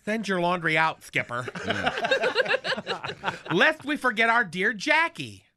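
In a radio studio with cohosts laughing, a comedy show host roasts someone in a teasing, sarcastic monologue. His high voice is sharp and creaky, slow, and swings hugely in pitch.

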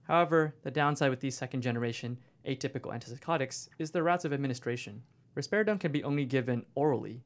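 A man co-hosting a medical podcast, explaining scripted educational material to peers in a corporate training video manner. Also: medium pitch.

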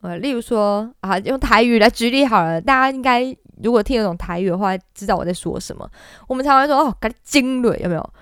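A woman's voice: a little high, lively intonation, quick pace, a bit bright, smooth, no echo, studio quality. A woman, hosting a casual singing lesson in a playful, chatty way. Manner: playful, chatty, often laughs and demonstrates. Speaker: podcast host teaching singing.

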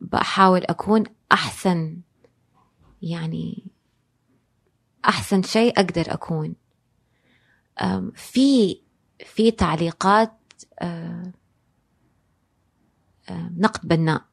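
A woman talks as an interview guest in a slightly low voice. She speaks reflectively and slips English phrases into her sentences. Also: slow pace, gravelly, pauses often, breathy edge. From Saudi Arabia. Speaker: guest, designer and blogger. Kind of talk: casual interview conversation.

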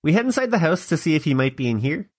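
Guy narrating the game, slightly higher voice, dry jokey asides. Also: sing-song, fast talker, over music. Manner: wry, joking asides. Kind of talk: comedic play-by-play narration.

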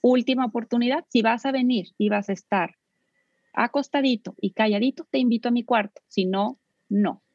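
Animated woman, dull dry recording. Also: a little high, normal speed, no echo. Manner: animated, acts out parent-child talk in a sing-song voice. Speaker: parenting expert and author. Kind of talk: guest in a casual interview.

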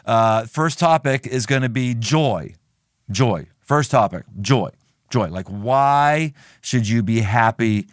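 A man's voice: mid-range voice, expressive, takes it slowly, no echo, studio quality. A man hosting a casual chat and preaching off the cuff, playfully competitive and repeating phrases for emphasis. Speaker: podcast host and preacher.

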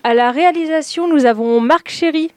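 A woman's voice: high voice, normal speed, a little mellow, no echo. A woman on a casual podcast presenting a TV series, chatty and hesitant, with frequent fillers. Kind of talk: casual chat.

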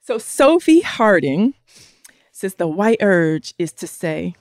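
Animated podcast co-host woman, dry mic. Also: lowish voice, slow pace, no echo. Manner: animated, laughs often, reads listener messages aloud. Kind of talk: casual chat.

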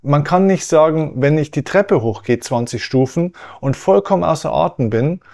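A man talks through a health topic in a calm teaching monologue, the way a podcast host does. He goes over each point more than once, rephrasing as he goes. He keeps asking rhetorical questions and tags his sentences with "ja?". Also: a little high, normal speed, creaky. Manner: didactic, repeats and rephrases, asks rhetorical questions with "ja?".

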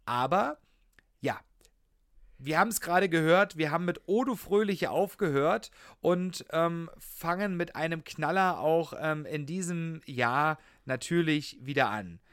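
A man with a slightly high voice co-hosts a podcast. He talks in a loose, conversational way, and the recording is dry with hardly any room sound. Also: a little slow, a bit bright, clear, resonant tone, no room sound. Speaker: podcast co-host. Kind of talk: casual podcast chat.

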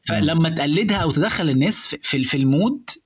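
Rapid-fire Egyptian man explaining comedy. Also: fairly high pitch, slightly rough. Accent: Egyptian Arabic. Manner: fast, animated, mixes in English words. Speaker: stand-up comedian explaining joke writing. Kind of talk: casual chat.

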